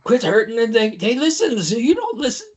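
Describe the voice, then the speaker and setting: A man voicing a frantic male rat catcher who shouts at people to stop hurting his animals. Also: very high-pitched, big pitch swings, fast talker, slightly rough, pitched above the performer's own voice, exaggerated voice. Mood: pleading.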